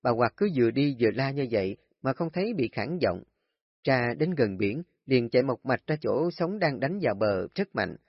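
A man narrating a story in an expressive way. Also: mid-range voice, normal speed, breathy edge, dry recording. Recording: dry, dull lo-fi recording.

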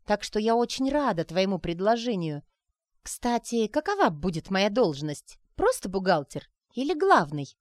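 A woman reading aloud and voicing a lively young woman who talks in a bright, teasing, chatty way. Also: mid-range voice, no echo, clean studio sound, pitched above the performer's own voice, natural voice.

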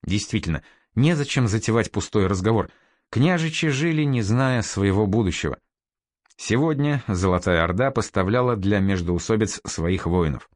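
A man narrating a historical novel as an audiobook, with expressive storytelling delivery. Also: lowish voice, no room sound, studio quality.

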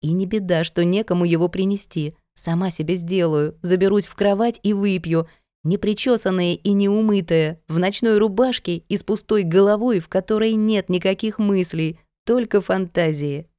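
A woman reads a first-person story aloud in a wry, conversational way. Her voice is mellow and dark at a middle pitch. The recording is close and dry. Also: moderate pace, dry recording. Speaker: audiobook narrator. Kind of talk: first-person audiobook narration.

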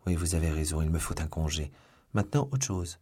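A man's voice: extremely low pitch, a little fast, mellow, husky. A man voicing an anxious, urgent young woman in an audiobook. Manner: urgent, worried. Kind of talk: audiobook reading.

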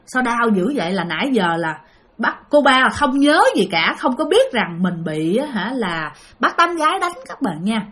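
Animated Southern Vietnamese woman storyteller. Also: on the high side, moderate pace. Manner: chatty, animated, addresses listeners. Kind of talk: spoken ghost storytelling.

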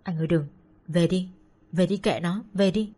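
A woman's voice: lowish voice, normal speed, warm tone, slightly rough. A woman playing a tearful young woman pleading. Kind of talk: audiobook story reading.

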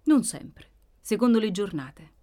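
A woman voicing a shrewd, wary male innkeeper in an audiobook, brisk and guarded with forced ease. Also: mid-range voice, very animated, dark tone. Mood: evasive. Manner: brisk, guarded, falsely casual. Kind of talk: audiobook character reading.

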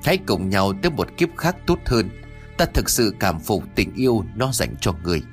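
A man voicing a towering horned red demon king who speaks in a grave, measured way, for an audio story. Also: fairly low pitch, very animated, faint music behind. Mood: solemn.

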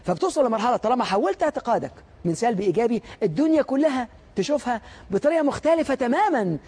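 A man with an Egyptian accent giving an animated motivational lecture, full of stories and rhetorical questions to the audience. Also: very high voice, racing. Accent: Egyptian Arabic.

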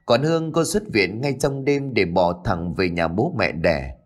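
A man narrating a ghost story in a dramatic, expressive way. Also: fairly low pitch, measured pace.

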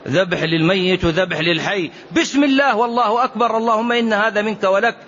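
Animated middle-aged sheikh teaching. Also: male voice, sits high, quick pace. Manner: animated, rhetorical questions, mock dialogue. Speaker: sheikh giving a lesson. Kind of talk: religious lesson answering questions. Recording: dull lo-fi recording with faint hiss.

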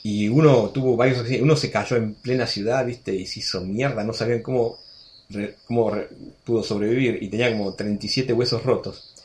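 A man in his sixties with an Argentine Spanish accent tells stories as a radio guest in a casual interview, chatty and full of restarts and asides. His voice is lowish and darkish, with fairly even intonation and a slightly fast pace.

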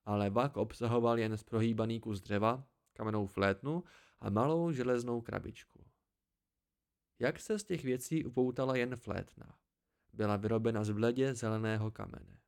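A man's voice: medium pitch, darkish tone. Man narrating an amateur audiobook.

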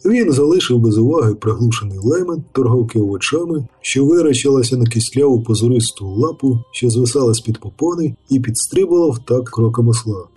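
A man narrating an audiobook in a measured, even storytelling manner, with faint music behind. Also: medium pitch, slightly rough. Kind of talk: scripted narration.

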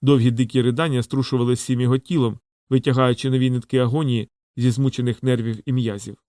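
A man's voice: mid-range voice, steady tone, quick pace, mellow, no room sound, studio quality. Man narrating an audiobook drama. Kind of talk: scripted narration.

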